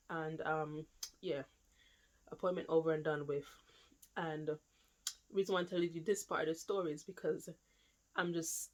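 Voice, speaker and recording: A young woman from London with a London accent, telling a personal story to camera in a chatty, rambling way full of fillers. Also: low voice. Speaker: vlogger.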